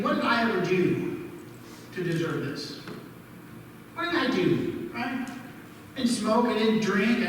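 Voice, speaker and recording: A middle-aged man preaches a sermon, mixing personal memories with questions put to the congregation. His voice sits very high and is picked up from a distance. A long, echoing church reverb hangs over every phrase, with a faint hiss beneath. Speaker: pastor. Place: church sanctuary. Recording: echoey church hall from far off, faint noise.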